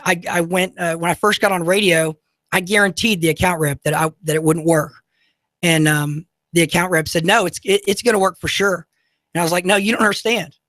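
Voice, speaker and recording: With a voice so high and unusual that listeners often take him for a woman, this 30-something talk radio host runs a monologue packed with ad reads. The studio mic gives a dry, echo-free, slightly bright sound, and his delivery is cheerful and motivational, heavy with fillers.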